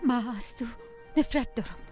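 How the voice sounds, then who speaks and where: A woman's voice: warm tone, faint music behind, lightly acted. An actress with a Tajik accent playing a distraught young wife who curses and accuses her husband. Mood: furious. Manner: tearful, cursing, high-strung.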